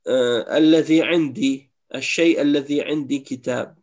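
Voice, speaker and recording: A man's voice: mid-range voice, steady tone, a little slow, darkish tone. A man teaching an Arabic class in a mosque classroom, explaining patiently and repeating each example. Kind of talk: classroom lesson.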